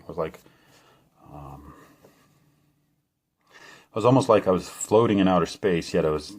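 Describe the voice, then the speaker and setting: Middle-aged man, very low voice, rambling earnest personal testimony with lots of restarts and fillers. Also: a little mellow. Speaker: channel host.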